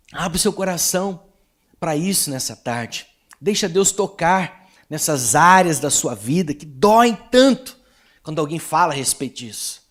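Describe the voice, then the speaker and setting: Male Brazilian preacher, fairly high voice, emphatic delivery, vivid storytelling. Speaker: pastor. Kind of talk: sermon.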